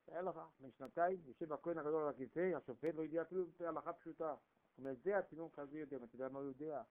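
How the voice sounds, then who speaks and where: Male preacher, fairly high voice, emphatic and repetitive, tinny phone-quality audio. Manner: emphatic, repetitive, swings from loud to hushed. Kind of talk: sermon.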